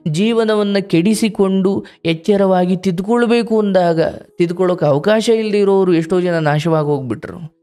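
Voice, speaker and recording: On his live call-in counseling program, this man preaches warm, fatherly spiritual guidance to a caller and now and then performs other people's words as quotes. He speaks at a normal pace in a high voice, and soft music plays behind him.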